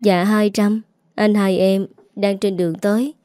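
A woman's voice: medium pitch, little pitch movement, measured pace, mellow, no room sound, studio quality, lightly acted. A woman voicing a frightened teenage girl who pleads through tears. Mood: anxious. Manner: sobbing, pleading.

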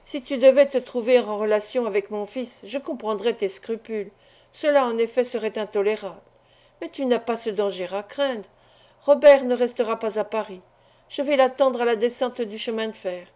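A woman's voice: a little high, normal speed, darkish tone, natural voice. A woman reading the lines of a self-interested older male business partner in an audiobook, insistent and persuasive. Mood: pressing.

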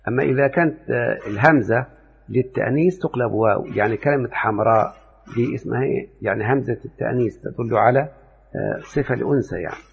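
A man with an Egyptian Arabic accent gives a grammar lesson, explaining step by step and often quizzing his students. His voice is gravelly and husky. The recording sounds thin and phone-like, with a long reverb tail. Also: mid-range voice. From Upper Egypt. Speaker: grammar teacher. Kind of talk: classroom lecture on Arabic morphology.

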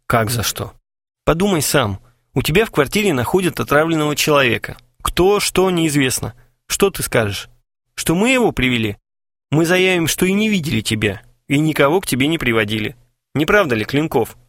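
A man's voice: fairly high pitch, very animated, moderate pace, a bit bright, no room sound, voice pushed up, heavily acted. A man voicing a cool, mocking young prankster who talks in a dry, matter-of-fact way.

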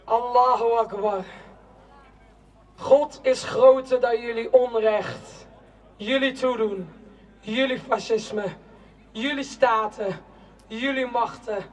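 A young woman giving a protest speech in a slow, declamatory spoken-word style, with shouted chants between lines. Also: on the high side. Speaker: rally speaker. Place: outdoor city square at a demonstration. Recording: distant outdoor rally recording.

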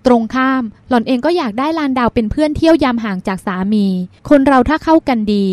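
A woman narrates a novel in a smooth, even manner. Her voice sits high, recorded close with a dry sound and no room echo. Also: fast talker. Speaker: audiobook narrator. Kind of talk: scripted narration.

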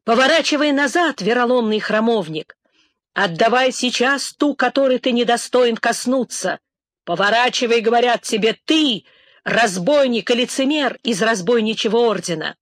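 A woman reading the lines of a hot-headed, strong Saxon nobleman, lazy but brave, who shouts his challenges in an audiobook. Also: on the high side, animated, moderate pace, no room sound, clean studio sound. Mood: furious.

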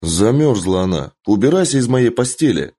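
A man's voice: medium pitch, sing-song, normal speed, husky, no room sound. Man doing a stern, exasperated young princess. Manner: commanding, sharp, exasperated.

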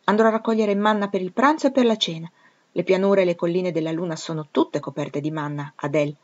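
A woman reading the lines of a stern, commanding gentleman with a curt, firm delivery. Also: fairly low pitch, fairly quick, lo-fi sound, close to an everyday voice.

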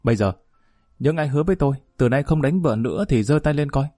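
Brief: steady, no-nonsense village woman mediator, read by a man, middle pitch, firm and measured. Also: no echo, clean studio sound, natural voice. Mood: calm firm. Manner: measured, plain-spoken, commanding.

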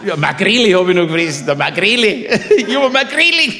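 A man's voice: sits high, lively intonation, fairly quick, bright, forceful tone. A man with a Bavarian accent telling a comic story in dialect, laughing through it and tossing chummy asides to the listener. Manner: boisterous, keeps laughing through his own tale.

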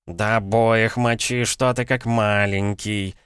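A man voicing a hot-tempered talking cat in an audiobook, yelling with fury. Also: lowish voice, fairly even intonation, slow pace, clean tone, no echo, studio quality, pitched above the performer's own voice. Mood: furious. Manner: hissing, yelling. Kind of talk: audiobook character voice.

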